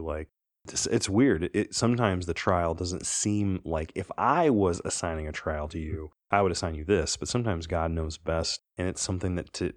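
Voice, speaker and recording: A man's voice: low-pitched, dry recording, clean studio sound. A man co-hosting a podcast, talking casually and thinking aloud with restarts. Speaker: podcast co-host.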